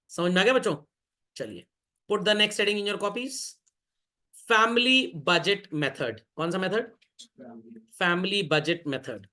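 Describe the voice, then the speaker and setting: A man lectures a classroom in a raised, high voice. He keeps quizzing the students and drops in quick joking asides between points. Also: bright, forceful tone. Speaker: commerce teacher.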